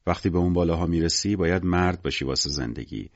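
A man's voice: low-pitched, no room sound, muffled recording. A man voicing a weary, menacing gangster in an audiobook, curt and cynical in everyday speech. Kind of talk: audiobook character voice.

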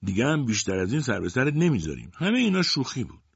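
A man voicing a friendly male townsman who calms a friend in a raised, placating voice. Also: medium pitch, vocal fry, breathy edge, no echo, highs cut off, pitched above the performer's own voice, heavily acted. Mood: soothing.

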